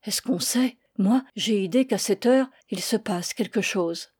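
Scared little boy, hushed and uneasy, mellow woman reader. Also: mid-range voice, measured pace, breathy edge. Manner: hushed, anxious. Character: timid frightened little boy.

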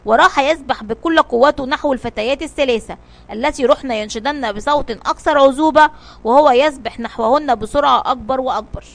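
A woman narrating a children's audio story in a dramatic storybook reading style. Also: sits high.

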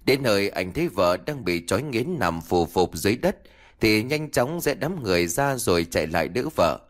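A man narrating a ghost story in a dramatic, expressive way. His voice sits low and rises and falls freely. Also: moderate pace.

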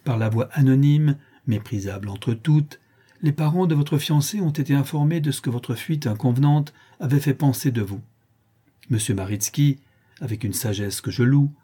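An imperious old countess, high and cutting, her voice swelling into harsh, loud commands, as a male audiobook reader puts her on. She sounds mellow and husky underneath, haughty and cold. It is a storybook reading. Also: moderate pace, natural voice. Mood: cold, lecturing. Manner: haughty, scolding, rising to furious commands.

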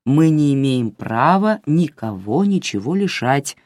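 An audiobook reader voicing a calm, unflappable middle-aged man questioning an old couple. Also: mid-range voice, a little slow, dry recording, studio quality. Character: calm middle-aged male investigator posing as volunteer.

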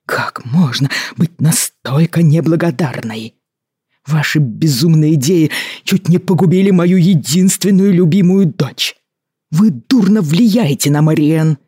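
A reader voicing an enraged male governor who speaks through clenched teeth, slow and raised. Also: mid-range voice, expressive, a little mellow, husky, dry recording, studio quality. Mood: cold fury. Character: enraged male colonial governor, stern guardian.

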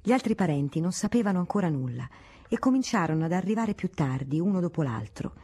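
Audiobook narrator, woman, low mellow voice, steady measured reading. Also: breathy edge. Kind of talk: audiobook narration of a classic novel.

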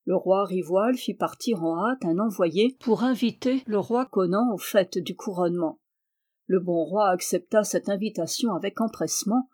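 A woman reading a fairy tale aloud in a measured storytelling manner. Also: medium pitch, a little mellow. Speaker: audiobook reader. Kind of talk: scripted narration of a fairy tale.

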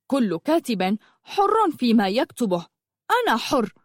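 Woman voicing a male novelist, defensive, proud, gentle underneath, dry storybook reading. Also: a little high, sing-song, measured pace, dry recording. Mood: angry. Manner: defensive, bursts into anger then softens.

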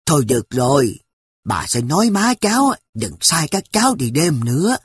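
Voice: mid-range voice, sing-song, normal speed, husky, no room sound, studio quality. A reader doing a stern old grandmother. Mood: scolding. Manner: scolding, gently reassuring. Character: kindly grandmother, devout and stern. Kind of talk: audiobook character voice.

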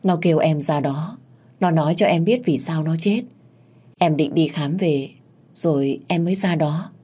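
A woman's voice: low-pitched, normal speed, warm tone, slightly rough. A woman playing a cunning young wife feigning fear. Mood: fake dread.

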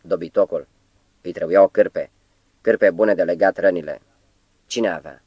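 A man reading a novel aloud as an audiobook narrator, in a steady, measured storytelling manner. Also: low voice, no room sound, lo-fi sound. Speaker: audiobook reader. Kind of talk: scripted literary narration.

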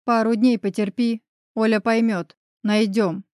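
A woman's voice: fairly high pitch, little pitch movement, unhurried, darkish tone, no room sound, studio quality, natural voice. A woman voicing a brash, sarcastic male lawyer friend in an audiobook. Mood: friendly. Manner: mocking, ironic.

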